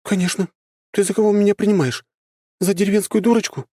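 A man's voice: high voice, fairly even intonation, a little fast, dark tone, no room sound, studio quality, pitched above the performer's own voice. A man voicing a sassy, defiant young girl mage in a fantasy audiobook. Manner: petulant, challenging.

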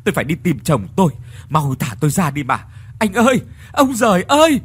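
A man's voice: high-pitched, sing-song, fairly quick, fairly bright tone, slightly rough, pitched above the performer's own voice, full character voice. A male storyteller voicing a young wife who cries out and pleads for her drowned husband. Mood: desperate pleading. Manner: sobbing, pleading, crying out. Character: young wife frantic with grief.

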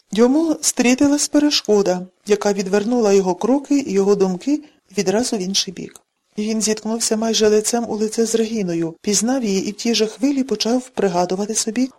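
A woman reads a classic novel aloud as a narrator. Her delivery is even and measured, at a middle pitch that is ordinary for her sex. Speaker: audiobook narrator. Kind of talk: scripted narration.

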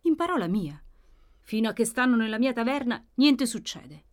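A woman voicing a shrewd, wary male innkeeper in an audiobook, brisk and guarded with forced ease. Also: fairly high pitch, sing-song, pitched above the performer's own voice. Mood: evasive. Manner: brisk, guarded, falsely casual. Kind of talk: audiobook character reading.

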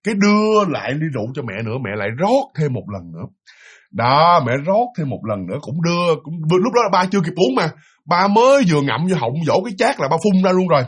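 A man telling a ghost story in a casual, animated way, repeating himself as he talks. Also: on the high side, fast, slightly rough. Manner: animated, repetitive, conversational.

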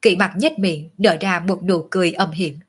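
A woman narrating a martial-arts novel as an audiobook, in a steady storytelling manner. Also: on the low side, normal speed, slightly rough.

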